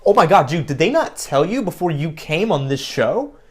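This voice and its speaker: A man's voice: on the high side, very animated, moderate pace. A man playing a polished, pointed and smug live TV news host in a screen drama. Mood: smug, needling. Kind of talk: broadcast interview acting.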